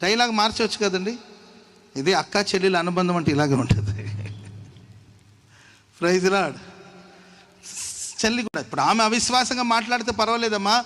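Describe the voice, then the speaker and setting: A male pastor preaching a sermon in a dramatic way, acting out dialogue and building to loud, forceful passages. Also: sits high, animated, brisk, long pauses. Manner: dramatic, acts out dialogue, rises to shouting.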